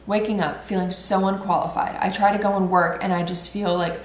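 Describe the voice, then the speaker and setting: On her casual solo podcast, a woman in her twenties speaks briskly with a flat delivery and medium pitch, chatty and rambling. She sounds nasal and congested from recovering after being sick, in an echoey room with slight background noise.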